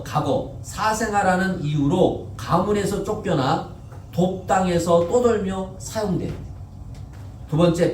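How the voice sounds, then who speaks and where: A man preaches a Sunday sermon from the pulpit, his voice sitting a little high. He keeps it conversational, firing questions at the congregation and answering them himself. The sound comes from a distance in a reverberant church with faint noise behind it. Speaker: pastor. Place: church sanctuary. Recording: echoey church, mic at a distance.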